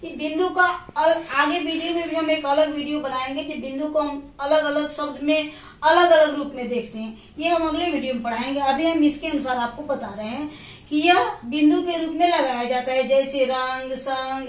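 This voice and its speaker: High-voiced woman teaching in an echoey room. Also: steady tone, normal speed. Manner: patient, repetitive explaining with examples. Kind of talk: Hindi grammar lesson. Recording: roomy echo, voice from a distance.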